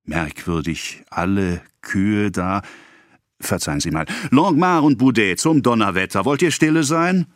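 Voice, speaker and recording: Jovial old village priest, as a male reader puts him on, slow emphatic delivery, audiobook reading, somewhat deep, dry close sound. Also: no echo.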